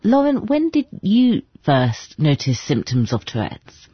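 A woman hosts the interview in a measured way, putting questions and summing up the answers. Her voice is low and husky. The recording is dry and a bit dull. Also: wildly swooping pitch, no echo. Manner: measured, asking questions and summarising. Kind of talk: interview hosting.

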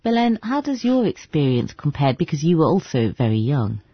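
Low-voiced, husky woman interviewer. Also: big pitch swings, no room sound. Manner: measured, asking questions and summarising. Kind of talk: interview hosting. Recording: dry, dull-sounding recording.

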